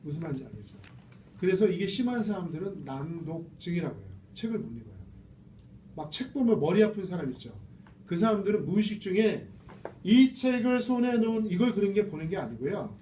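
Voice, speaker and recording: High-voiced man lecturing a small class. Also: sing-song, brisk, warm tone. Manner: chatty, asks the class rhetorical questions. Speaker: reading lecturer. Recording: roomy, distant mic with faint noise.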